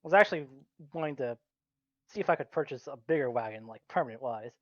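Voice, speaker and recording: A man's voice: medium pitch, animated, quick pace, no echo, lo-fi sound. A man playing in a tabletop game, bantering wryly in casual chat. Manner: wry, joking banter. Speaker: player.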